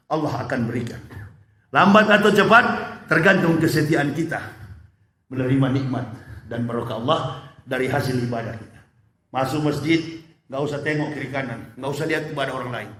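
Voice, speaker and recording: A man preaching a sermon in a mosque, fiery and joking with the congregation, with sudden shouted bursts. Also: medium pitch, normal speed, long pauses. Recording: echoey mosque hall.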